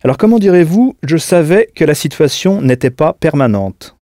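A language teacher gives a recorded audio lesson calmly and patiently, spelling words letter by letter and pausing to prompt the listener. His fairly high voice is mellow and dark, captured dry and close in a studio.

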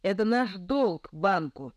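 A woman's voice: medium pitch, lively intonation, takes it slowly, no room sound, clean studio sound. A woman voicing a harsh, weary young husband who speaks curtly and bitterly. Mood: bitter scorn. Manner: curt, bitter.

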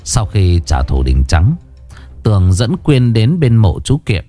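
Low, expressive male storyteller. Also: a little slow, faint music behind. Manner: expressive, dramatic. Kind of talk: dramatic scripted narration.

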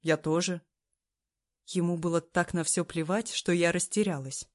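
A woman reading a first-person story aloud, narrating in a calm, even way. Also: on the low side, normal speed.

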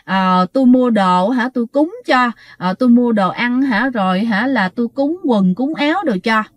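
A woman voicing a middle-aged aunt, scolding a ghost forcefully. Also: a little high, animated, normal speed, dry recording, lightly acted.

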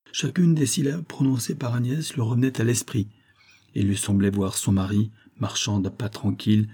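A man narrating a novel as an audiobook in a measured, dramatic reading. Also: lowish voice, warm tone.

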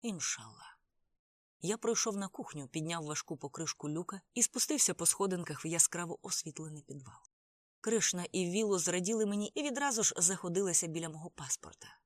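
An audiobook narrator reading a first-person novel in a measured, steady storytelling manner. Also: mid-range voice, no echo.

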